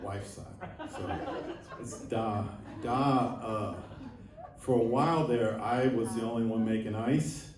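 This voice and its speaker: A man's voice: fairly low pitch, a little mellow, a little hiss or hum. Rambling man in his sixties doing stand-up. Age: 60s. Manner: rambling, halting, self-deprecating delivery with many fillers. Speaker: stand-up comedian. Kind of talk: stand-up set. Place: live comedy venue with audience laughing. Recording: echoey room, mic at a distance, crowd laughter.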